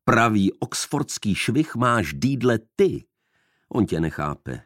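A plump, jovial young man mocks and banters in a theatrical, low voice that leaps up and down in pitch, as a male reader puts him on. The sound is close and dry, with no room around it. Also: big pitch swings, fairly bright tone, no room sound. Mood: bantering.

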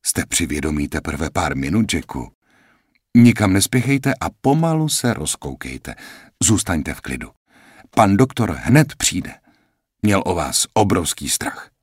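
A man voicing a brisk, cheerful young female nurse in an audiobook reading, chattering and reassuring. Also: low-pitched, big pitch swings, husky, no room sound, clean studio sound, exaggerated voice. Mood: soothing.

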